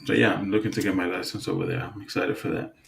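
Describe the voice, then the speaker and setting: A man from the Dominican Republic co-hosting a podcast, talking in a relaxed, halting way with many fillers and restarts. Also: sits low, creaky, a little hiss or hum. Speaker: podcast co-host. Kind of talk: casual chat.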